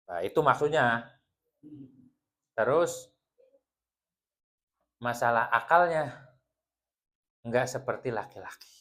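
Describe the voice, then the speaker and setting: A man's voice: mid-range voice, lively intonation, slow pace, long pauses, fairly bright tone. A man, teaching a religious study group in a playful, teasing way and laughing often with his listeners. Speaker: Islamic teacher leading a women's study group. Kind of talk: joking religious study talk.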